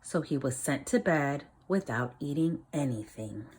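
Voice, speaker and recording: A woman reading a picture book aloud, expressive, dropping low and soft for dramatic lines. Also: measured pace, slight background noise. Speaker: storybook reader.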